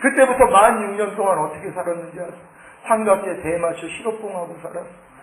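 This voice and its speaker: High-voiced middle-aged man preaching in echoey room. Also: fast talker. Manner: emotional, animated storytelling with acted prayers. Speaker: preacher giving testimony. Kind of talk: sermon testimony.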